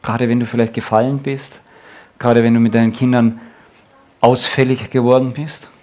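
Eindringlicher Prediger, lebhaft betonend. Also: male voice, medium pitch, level tone, normal speed, darkish tone. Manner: earnest, emphatic, quoting God and Jesus in direct speech. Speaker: preacher. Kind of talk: sermon with closing prayer.

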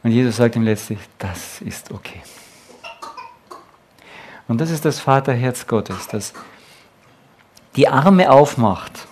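Earnest male preacher, emphatic sermon delivery that ends in a quiet prayer. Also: mid-range voice, measured pace, slight background noise. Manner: earnest, emphatic, quoting God and Jesus in direct speech.

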